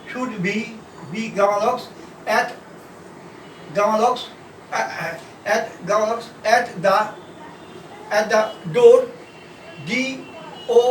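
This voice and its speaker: A man's voice: high voice, a little hiss or hum. A man with a Bengali accent teaching shorthand, dictating sentences word by word and spelling out letters. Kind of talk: slow dictation lesson. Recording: echoey room, mic far off.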